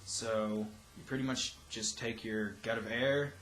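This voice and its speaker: A man's voice: lowish voice, fairly even intonation, unhurried, fairly bright tone. A young man giving a casual, loosely rambling tutorial as a vocal instructor. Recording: roomy echo, faint background noise.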